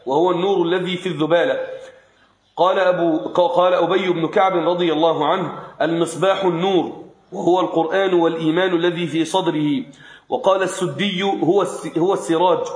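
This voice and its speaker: A man reading a classical commentary aloud to his teacher in a steady recitation. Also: high voice, echoey room, poor audio. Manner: steady recitation with small restarts.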